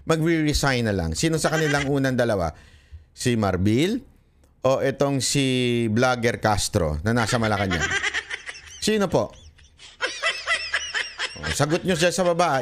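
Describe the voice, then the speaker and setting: Animated laughing male vlogger. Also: medium pitch, measured pace, long pauses. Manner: teasing, laughing, animated, playful. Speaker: political commentary vlogger. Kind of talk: casual political commentary.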